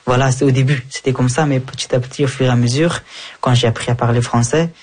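A young man from Afghanistan giving a calm personal account in an interview, speaking carefully and correcting himself as he goes. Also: mid-range voice, quick pace. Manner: careful speech with self-corrections and fillers.

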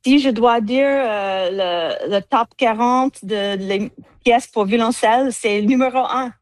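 A woman from the United States with an English accent, a cellist appearing as a guest, answers interview questions in French. Her voice is fairly high and slow, with no room sound, and she hesitates with many fillers and lapses into English words.

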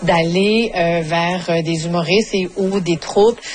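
A woman, a comedy festival programmer giving measured interview answers and leaning on stock phrases. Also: fairly low pitch, steady tone, a little mellow. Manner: measured, repeats set phrases.

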